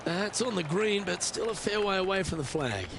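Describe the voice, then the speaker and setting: A man's voice: high voice, animated, normal speed, creaky, noisy background. A man playing a lead golf commentator in a video game, calling play in a polished broadcast style. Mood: composed, appreciative.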